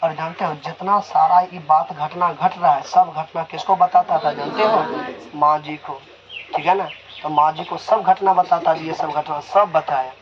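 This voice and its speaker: A man's voice: on the high side, fairly even intonation, moderate pace. A young man teaching a class in Hindi with a Bihari accent, retelling a story and checking often that the students follow. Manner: conversational, keeps checking with the class. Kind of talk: storytelling lesson retelling a chapter. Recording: slightly dull, faint noise.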